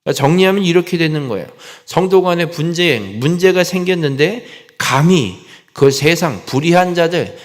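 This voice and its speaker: A man's voice: fairly high pitch, in a large hall. A male pastor preaching an expository sermon, earnestly reading scripture aloud and stressing key words.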